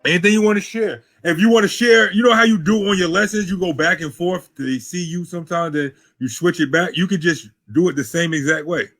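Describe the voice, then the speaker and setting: Man on a video call, slightly high voice, casual chat, relaxed host. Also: fairly quick, few pauses. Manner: relaxed, talks in loose restarts.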